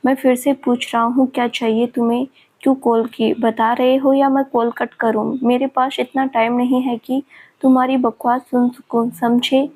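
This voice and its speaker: Angry young husband, read by a woman, snapping back, fairly high voice. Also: little pitch movement, normal speed, close to an everyday voice. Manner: sharp and furious. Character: angry young husband defending his wife.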